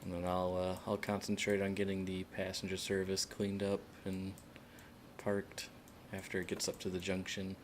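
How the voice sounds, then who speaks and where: A man streaming a game, chatting casually with other players in a relaxed, hesitant way with many fillers. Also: low voice, moderate pace, a little hiss or hum. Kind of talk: casual voice chat while playing.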